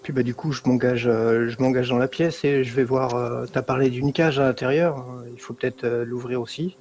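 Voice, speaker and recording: A man's voice: medium pitch, fairly even intonation, darkish tone. A man playing a tabletop role-playing game, talking through dice rolls and skills in a matter-of-fact way. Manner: quick, matter-of-fact about rules. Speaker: player. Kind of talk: casual tabletop game play.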